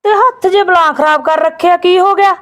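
A woman's voice: extremely high pitch, fairly even intonation, normal speed, fairly bright tone. A woman acting as an outspoken young village woman in a homemade family drama, talking in a blunt, scolding and insistent way.

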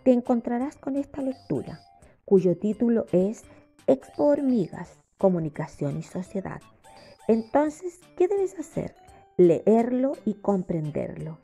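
A Chilean woman teacher narrates a recorded lesson for children, her voice gravelly and a little husky. Her pitch rises and falls in a lively way as she explains each step slowly. Soft music plays faintly underneath. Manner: slow, explanatory classroom delivery. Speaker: primary school teacher. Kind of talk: recorded remote lesson voice-over.

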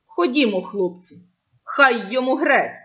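Woman playing grumbling shepherds, gruff, scolding, slow, lively pitch, storybook. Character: grumbling village shepherd men. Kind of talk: storybook voice acting.

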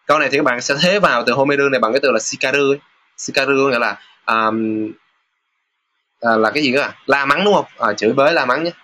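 A Japanese teacher with a mid-range, bright, forceful voice runs a casual lesson on test questions. He's chatty, pauses with filler sounds, and reads example sentences aloud slowly.

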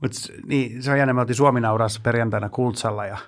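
A man's voice: mid-range voice, steady tone. A man, a stand-up comedian, hosting a casual podcast and telling gig anecdotes, mimicking the people he quotes. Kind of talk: casual chat.

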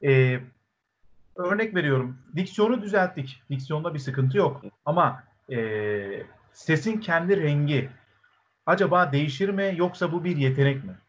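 Slightly high-voiced male interviewer. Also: animated, moderate pace, a little hiss or hum. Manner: affirming, curious, asks follow-ups. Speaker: interviewer, host. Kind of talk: casual interview questions.

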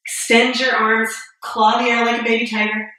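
A yoga instructor in her thirties leads a class with calm, step-by-step cues at a moderate pace, a bit out of breath and joking between poses. Her slightly high voice is bright and clear but sounds far from the mic in a very echoey room.

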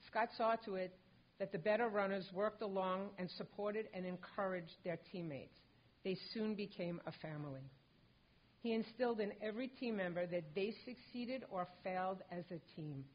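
A mother honoring her late son at his hall of fame induction reads her prepared tribute speech in a measured, composed way. The older woman has a mid-range voice and stands at a lectern on a large indoor hall's stage. The lectern mic gives a dull, lo-fi hall sound.

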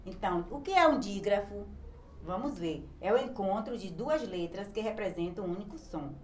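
A woman's voice: mid-range voice, animated, moderate pace, darkish tone, roomy sound, slight background noise, rough recording. A woman teacher with a Brazilian Portuguese accent giving a recorded grammar lesson to young children, patiently spelling out letters one by one. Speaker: primary school teacher.

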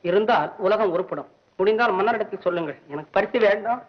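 A man playing a poor, fretful temple poet in a 1960s Tamil film, whiny and sarcastic, complaining and talking to himself. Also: close to an everyday voice. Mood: bickering. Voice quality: whiny, high and quick-tempered. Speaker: comic lead in a devotional film. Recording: dull old film soundtrack.

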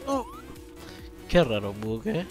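A young man, commentating a video game as he plays, swearing loudly and laughing often at what happens on screen. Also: mid-range voice, huge pitch swings, slow, faint music behind. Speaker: gameplay commentator. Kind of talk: let's play commentary.

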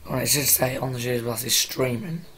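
A man with a croaky voice casually talking to viewers on a live stream, rambling as he sets things up. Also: mid-range voice, fairly quick, fairly bright tone, a little hiss or hum. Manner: rambling, chatty, addressing viewers.

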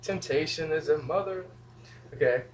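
In his small kitchen, a young home-cooking vlogger gives a casual, rambling demo full of silly asides, speaking to a camera positioned a few feet off. His voice is a little high and he speaks at a normal pace. Audio quality from the camera mic is poor.

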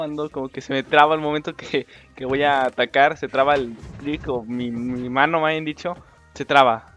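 Mexican guy playing a game and talking, swears a lot, gets excitable, dull lo-fi mic, faint music behind. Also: a little high. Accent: Mexican Spanish. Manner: excitable, swearing, talks to other players. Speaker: gameplay commentator. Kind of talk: casual gaming commentary.

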